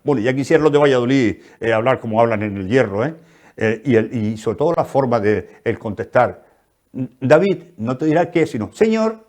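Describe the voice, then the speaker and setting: A man's voice: mid-range voice, normal speed, darkish tone. A man from the Canary Islands with a Canarian accent, an author being interviewed on a television program, who tells stories with animation and acts out the voices he quotes. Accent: Canarian Spanish. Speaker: author guest. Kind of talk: interview conversation. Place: TV studio.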